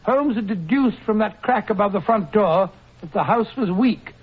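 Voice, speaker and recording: A man's voice: high voice, expressive, normal speed, breathy edge. An actor playing an anxious, loyal male doctor companion in an old radio play, speaking in an earnest, fretful way. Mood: recounting. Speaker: sidekick and narrator in a radio play. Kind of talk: 1940s radio acting. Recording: muffled old radio recording.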